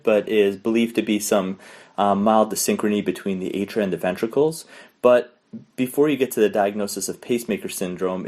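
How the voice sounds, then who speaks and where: A man's voice: fairly low pitch, darkish tone. A man, an emergency physician, methodically explaining a diagnosis step by step on a podcast. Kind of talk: clinical explanation in a podcast interview.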